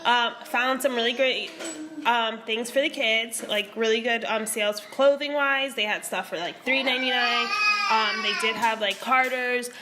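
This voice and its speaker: A woman's voice: a little high, fairly even intonation, normal speed, pushed and bright, slight background noise. A young woman co-hosting a podcast in casual chat, rambling with lots of fillers. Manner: chatty, rambling, full of fillers. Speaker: podcast co-host.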